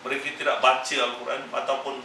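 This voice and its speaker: A man's voice: mid-range voice, flat delivery, fast talker, pushed and bright, a little hiss or hum. A man teaching a Quran exegesis class, admonishing his listeners emphatically and repeating his warnings. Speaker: religious teacher. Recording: echoey room, mic far off.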